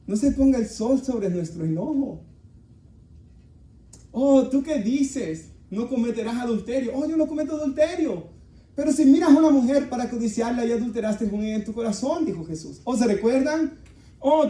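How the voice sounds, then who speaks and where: A man's voice: sits high, warm tone. A male pastor preaching earnestly to his congregation, speaking. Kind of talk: sermon. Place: church hall. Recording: echoey room, voice from far off.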